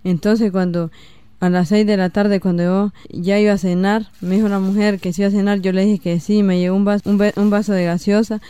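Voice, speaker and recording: A young woman with a Nicaraguan accent giving a testimony interview, halting and full of "este" fillers. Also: mid-range voice, level tone, mellow, clean tone, dry recording. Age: young adult.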